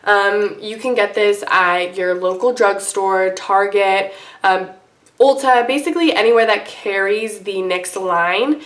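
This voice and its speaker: A woman with a medium-pitched voice chats casually to camera as a beauty vlogger. She sounds sick and under the weather, with an icky, congested voice. Her delivery is informal and rambling, recorded in a noticeably echoey room. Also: unhurried, a bit bright. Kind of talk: casual makeup tutorial chat to camera.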